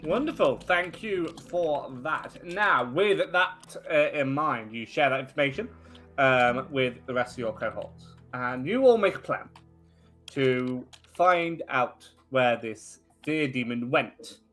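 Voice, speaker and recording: A man narrating as game master of a tabletop game, animated and chatty, with asides to his players. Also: mid-range voice, takes it slowly, faint music behind.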